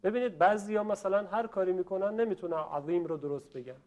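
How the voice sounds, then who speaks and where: A man teaching Quran recitation to a class, explaining patiently in speech and chanting slow examples for students to repeat. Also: high-pitched, a little mellow.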